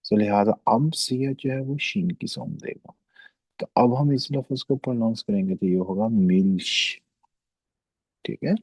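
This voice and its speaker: A man's voice: mid-range voice, darkish tone, slightly rough, no room sound, rough recording. A man teaching German basics in a classroom-style lesson, explaining step by step and checking in often with his students. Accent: Pakistani. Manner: explains slowly with repeated check-ins.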